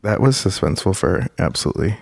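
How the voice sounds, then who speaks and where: A man's voice: low-pitched, animated, fast talker, creaky, slightly rough. A young man hosting a podcast in casual chat, with a joking, teasing manner. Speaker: podcast host.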